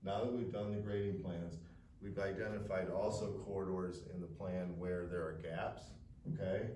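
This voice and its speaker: Speaking for the developer at a township meeting, a man lays out a development plan in a low, dark voice with fairly even intonation and a moderate pace. His delivery rambles, full of fillers and restarts, and the mic sits at a distance in an echoey room with a faint hiss.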